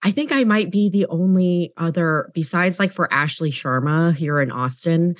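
A woman's voice: on the low side, moderate pace, no room sound, clean studio sound. A woman from the US West Coast, a comedian chatting as a podcast guest in an upbeat, rambling way with frequent "like"s and light laughs. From United States, born in Los Angeles, raised in Seattle. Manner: chatty and upbeat, laughs often, many "like"s and run-on sentences. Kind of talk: casual interview chat.

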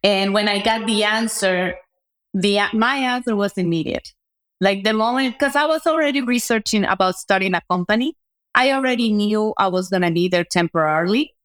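In a conversational interview, a woman entrepreneur tells the story of her career, reflecting as she goes and frequently adding "right?". Her voice is medium-pitched and a bit bright, at a moderate pace.

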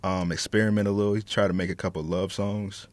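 Low-voiced man from Florida, casual and slangy. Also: level tone, quick pace, no room sound. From Florida, United States. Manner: informal, slangy, profane. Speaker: podcast co-host reviewing music. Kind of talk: casual slangy music chat.

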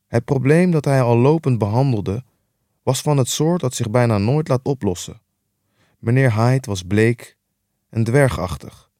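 Give me a man calmly narrating a book excerpt, mellow voice, dry close sound. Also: mid-range voice, gravelly, no echo. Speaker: translator reading aloud. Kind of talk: reading a literary excerpt.

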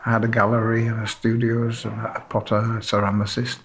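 A South Wales sculptor, being interviewed, tells his story in a relaxed, rambling, self-deprecating way, sprinkling in plenty of "you know"s. His voice sits on the low side, flat in tone and brisk in pace. There's a little hiss or hum on the recording.

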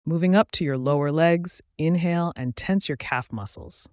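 A man guiding a relaxation meditation in a calm, soothing, measured way, giving instructions with pauses. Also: a little high, no echo, clean studio sound. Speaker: meditation guide. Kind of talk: guided relaxation meditation narration.

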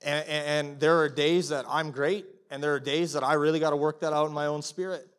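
Male pastor, fairly high voice, earnest sermon delivery with dramatized prayers and quiet hushed stretches. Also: fairly even intonation, a little fast, clear, resonant tone. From Canada. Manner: earnest, acts out prayers, drops to a soft hush.

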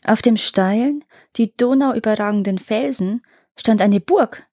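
Woman, fairy tale reader, calm measured narration, mellow tone, dry close mic. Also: fairly high pitch, no room sound. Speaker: storyteller.

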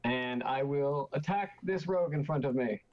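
A man with a medium-pitched voice plays a tabletop game, talking casually through his moves. The microphone sounds a little dull, with some keyboard typing. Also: moderate pace.

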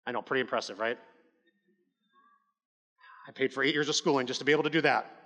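Male pastor, conversational but emphatic sermon delivery, bright tone, long hall reverb. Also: medium pitch, fast talker. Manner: conversational, emphatic preaching with frequent "like" and restarts.

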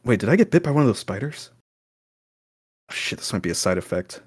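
Rattled adventurer son, played by a man, halting, sarcastic, close dry sound, improvised tabletop fantasy. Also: fairly low pitch, sing-song, breathy edge, no echo. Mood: confused, alarmed. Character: rattled, sarcastic son lost and searching for friends. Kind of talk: improvised tabletop role-play.

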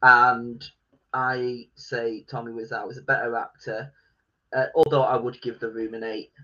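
A man's voice: medium pitch, little pitch movement, a little slow, pushed and bright. A man co-hosting a casual film podcast, laughing and quoting film lines. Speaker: podcast co-host. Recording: dull lo-fi podcast audio.

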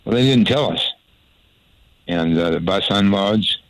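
A man's voice: sits low, unhurried, dry recording, poor audio. An older man, a former sports broadcaster, telling rambling folksy anecdotes in an interview, with frequent restarts. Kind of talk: storytelling interview.

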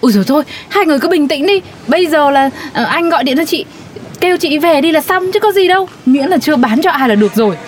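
Fast-talking high-voiced woman. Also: expressive, a little hiss or hum. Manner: cheerful, chatty. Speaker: neighbor customer in a comedy skit. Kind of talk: comedy skit acting. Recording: faint music underneath.

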